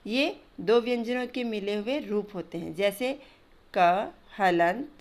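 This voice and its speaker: A woman teaches a grammar lesson to young children at an unhurried pace. Her voice sits at a middle pitch, and she spells out letters and sounds one at a time with patient care. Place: voice-over for slides.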